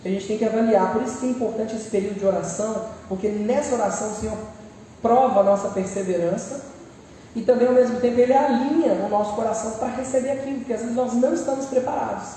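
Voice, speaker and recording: A woman with a Brazilian accent preaching a lively sermon and acting out people's prayers with humorous asides. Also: fairly high pitch, fast, slight background noise. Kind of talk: church sermon. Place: large church hall. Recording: echoey church hall, mic far off.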